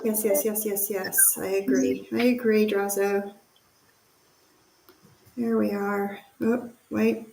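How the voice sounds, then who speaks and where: A woman's voice: medium pitch, little pitch movement, takes it slowly, vocal fry, long pauses, mellow, faint music behind. A woman casually hosting a live chat from her bathroom, her voice ringing with a cave-like echo and repeating little words like "yes, yes.". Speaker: host of an online audio chat room. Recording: echoey bathroom, far from the mic, faint noise. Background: generator hum.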